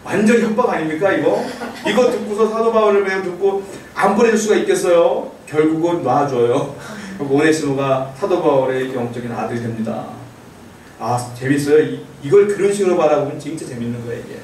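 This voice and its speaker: Playful pastor in an echoey hall. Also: male voice, fairly high pitch, a little fast, a little mellow, slight background noise. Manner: playful, acts out quoted letters in a chatty voice. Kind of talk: casual teaching sermon. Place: church hall. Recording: very echoey hall, mic far off.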